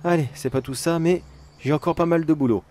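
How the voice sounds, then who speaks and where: A man's voice: on the high side, fairly quick, darkish tone. A man telling an acted first-person horror story in a coaxing, wheedling voice that turns sinister.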